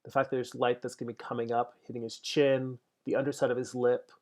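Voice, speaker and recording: A man's voice: mid-range voice, level tone, quick pace, darkish tone. A man in his forties chatting casually as he paints on a livestream, thinking aloud and answering viewer comments. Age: 40s. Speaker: digital painter streaming his work.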